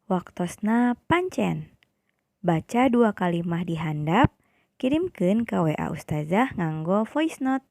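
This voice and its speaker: A woman teacher, giving a slow, careful recorded lesson to young pupils. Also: on the low side, animated, a little mellow, no echo, studio quality.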